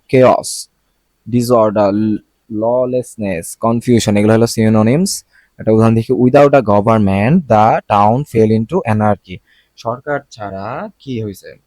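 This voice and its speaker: A man's voice: on the low side, darkish tone, dry recording. A young man with a Bangladeshi accent teaching vocabulary in a casual, chatty way, often stopping to check and correct his pronunciation. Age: young adult. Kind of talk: casual lesson explaining words.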